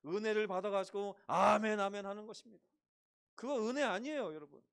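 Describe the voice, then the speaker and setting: Animated high-voiced preaching man. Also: fast talker. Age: over 50. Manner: dramatic, acts out quotes with big swings in pitch and loudness. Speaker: pastor. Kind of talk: sermon.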